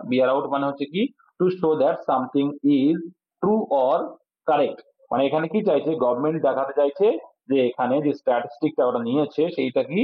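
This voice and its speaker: The speaker is a man whose voice is a little high and slightly rough, recorded with a tinny, phone-like quality. He teaches English grammar for an exam, explaining gradually and answering his own questions to the class.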